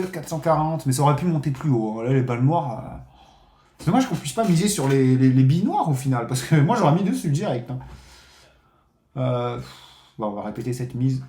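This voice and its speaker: A man's voice: mid-range voice, reverberant, a little hiss or hum. A man streaming a live casino game, commenting on his bets with frequent swearing and talking to viewers as friends. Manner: excitable, swears often, addresses viewers as friends.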